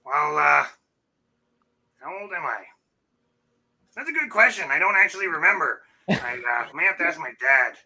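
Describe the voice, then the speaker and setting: A man voicing a friendly, middle-aged male closet monster who talks haltingly with lots of uh. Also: a little high, big pitch swings, sharp tone, exaggerated voice. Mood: easygoing. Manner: halting, says uh a lot, mild and polite.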